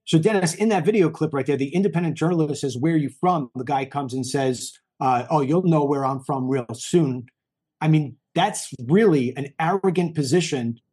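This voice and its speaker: A man's voice: fairly high pitch, normal speed, darkish tone, husky. A man in his fifties hosting a political news show, talking in a heated, emphatic way and often repeating himself. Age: 50s. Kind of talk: political commentary.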